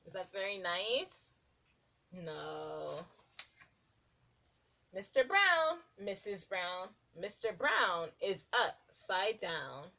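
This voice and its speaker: A female preschool teacher shares a rhyming picture book with young kids, reading in a deliberate, expressive, sing-song manner. Her voice is medium-pitched and gravelly.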